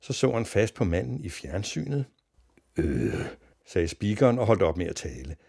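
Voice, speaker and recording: Man reading a kids' story aloud, expressive, husky, lively intonation. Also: lowish voice. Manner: expressive read-aloud narration.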